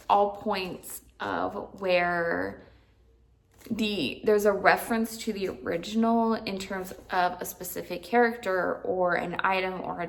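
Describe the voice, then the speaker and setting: Gravelly-voiced woman chatting about books. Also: medium pitch. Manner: chatty, rambling, many "like" fillers; exasperated ranting at times. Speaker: book vlogger. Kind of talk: casual book review chat.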